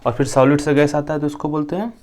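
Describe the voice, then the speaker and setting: A man's voice: on the high side, fairly even intonation, fast talker, a little mellow. A young man from India teaching a science lesson. He asks the class questions, answers them himself and repeats each key term. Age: young adult. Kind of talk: classroom lecture.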